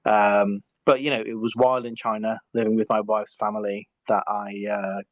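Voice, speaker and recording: A man's voice: on the low side, level tone, normal speed, no echo. A middle-aged man from England, talking as an interview guest in a hesitant way, often restarting and repeating words. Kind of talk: casual conversational interview. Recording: muffled, dry lo-fi audio.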